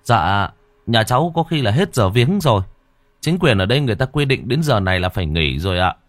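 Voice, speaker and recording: A man's voice: on the low side, sing-song, brisk, dry recording. Narrator as a bold, polite village man. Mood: wary.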